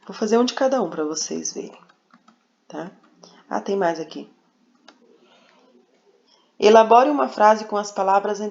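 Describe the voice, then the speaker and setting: A woman's voice: medium pitch, darkish tone. Patient woman teacher, lo-fi recording. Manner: patient, coaxing, spells out syllables. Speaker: primary school teacher. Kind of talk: recorded remote lesson. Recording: dull lo-fi home recording.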